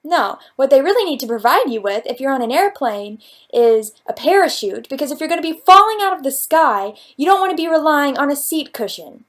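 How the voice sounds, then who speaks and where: A woman's voice: high-pitched, sing-song, fairly quick. A woman vlogger answering viewer questions at home, in a playful, rambling, jokey casual chat. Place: at home, talking to her cat.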